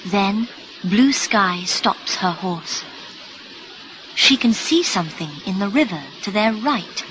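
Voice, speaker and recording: A woman with a British English accent reading a graded story for English learners, narrating slowly, clearly and expressively. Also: mid-range voice, expressive, noisy background. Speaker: audiobook reader.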